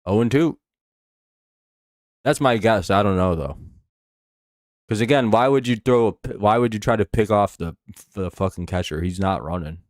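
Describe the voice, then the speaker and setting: A man's voice: on the low side, normal speed, pauses often, a little mellow, no room sound, studio quality. An American man with a slight lisp and whistling s from false teeth, giving casual, rambling, sweary play-by-play on a live sports stream. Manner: rambling, profane, laid-back fan talk. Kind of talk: casual play-by-play commentary and chat.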